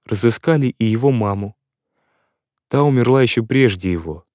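Mellow male storyteller, dry close sound. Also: medium pitch, animated, normal speed, no room sound. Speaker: narrator. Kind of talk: literary story reading.

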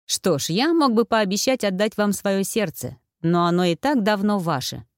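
A woman's voice: mid-range voice, lively intonation, moderate pace, no room sound, clean studio sound, close to an everyday voice. A woman voicing a man's formal, ironic and gallant speech, in a storybook reading. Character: courtly, lovesick ex-husband, a grown man.

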